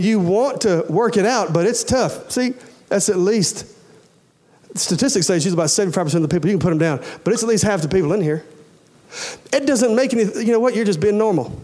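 Expressive and fairly quick, a preacher in his forties addresses his congregation in a slightly mellow voice pitched notably high for a man. He's folksy, colloquial, and emphatic, driving points home through repetition and directly questioning and urging his listeners.

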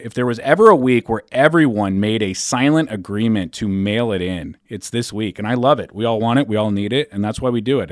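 A man co-hosting a golf podcast, delivering a wry, deadpan prepared monologue. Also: on the low side, dry recording, clean studio sound. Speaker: podcast co-host. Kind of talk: scripted monologue.

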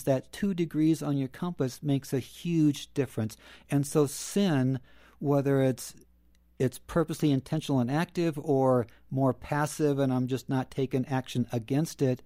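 A man's voice: on the high side, warm tone, no room sound, studio quality. A man who is a guest counselor on a roundtable, telling stories with a lightly sarcastic edge. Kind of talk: casual roundtable talk.

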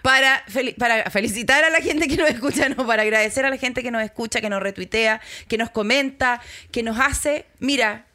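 Woman, Chilean accent, podcast co-host, casual rambling chat, bright tone. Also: a little high, fairly quick, few pauses. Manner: rambling, laughs often.

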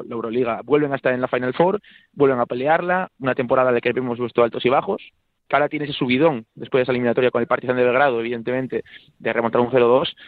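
Man, sports pundit, very fast, emphatic, repeats himself, tinny phone line, dry. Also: medium pitch, dry recording. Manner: rapid, emphatic, repeats phrases while building points. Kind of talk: radio sports debate.

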